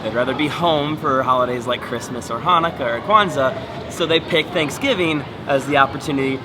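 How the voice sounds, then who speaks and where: A man's voice: mid-range voice, a little fast, background noise. A man presenting a casual explainer vlog in a conversational, dryly wry way. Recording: music behind the voice. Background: music and airport bustle.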